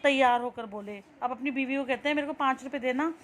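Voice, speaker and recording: A woman's voice: high voice, fast. A young woman teacher reading a textbook story aloud and explaining each line in simple words. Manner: reads a line, then restates it in simple words.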